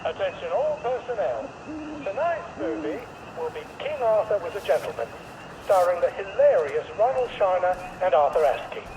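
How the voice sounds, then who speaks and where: A formal, official announcer reads camp notices over a loudspeaker in a video game. His voice sits high and moves up and down a lot, yet he keeps a deadpan tone. Faint noise hums behind the broadcast. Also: moderate pace.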